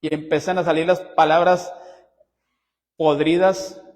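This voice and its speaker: A male pastor delivers a sermon in a high, lively voice, pitch leaping up on his questions to the congregation. His words ring out with a long church reverb around them. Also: a little slow. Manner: preaching with rising emphasis and frequent asides to the congregation; lively pitch swings, teasing humor. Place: church sanctuary.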